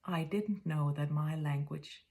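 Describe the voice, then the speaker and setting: Deep-voiced and Danish-accented, this woman in her fifties from Denmark offers a reflective monologue on spiritual themes. She keeps it soft and often whispery, faltering as she gropes for words.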